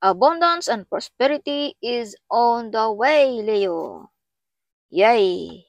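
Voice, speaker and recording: A tarot reader with a Filipino accent does a reading for viewers, speaking Filipino mixed with English and addressing listeners by their star sign, repeating the sign's name. Her voice is a little high, expressive and creaky, extremely slow, with no room sound.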